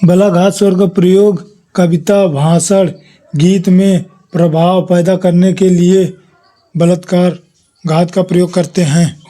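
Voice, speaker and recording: A man's voice: high-pitched, steady tone, takes it slowly, mellow. A man giving an exam revision lesson, reading his notes aloud and listing letters one by one. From India. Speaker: teacher.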